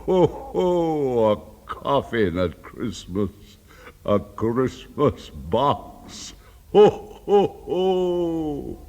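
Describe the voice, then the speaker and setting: A man playing a morose, grimly gleeful gravedigger in a theatrical story, crooning in a low, drawn-out way. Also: very animated, warm tone, exaggerated voice. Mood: gloating. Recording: long reverberant echo.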